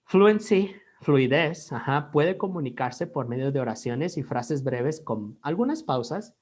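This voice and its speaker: A man's voice: on the high side, lively intonation, unhurried, darkish tone. A man with a Mexican Spanish accent teaching an online English class, switching between Spanish and English and checking in with "ok?" after nearly every phrase.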